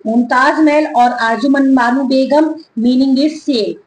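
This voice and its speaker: A woman with an Indian English accent teaching an online history lesson, slowly dictating and repeating dates and names for students to note down. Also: high voice, roomy sound, a little hiss or hum, rough recording.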